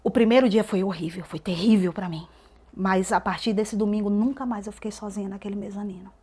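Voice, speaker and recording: A woman's voice: medium pitch, fairly even intonation, fairly quick, breathy edge. Woman giving a dramatic testimony. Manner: dramatic storytelling, swings between loud and hushed. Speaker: podcast guest. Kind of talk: emotional personal testimony.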